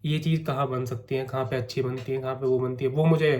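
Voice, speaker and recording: A man's voice: medium pitch, fairly even intonation, fast, a little mellow. A young man with a sore, coughing throat, chatting to camera in a casual vlog and coaxing his viewers. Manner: chatty, coaxing, keeps saying "theek hai". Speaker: vlogger.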